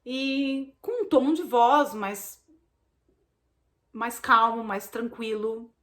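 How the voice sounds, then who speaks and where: A chatty Brazilian woman with a high voice walks her students through a casual recorded lesson. She keeps checking in with quick tag questions as she explains. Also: steady tone, fairly bright tone. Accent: Brazilian Portuguese. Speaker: baby sign language course instructor.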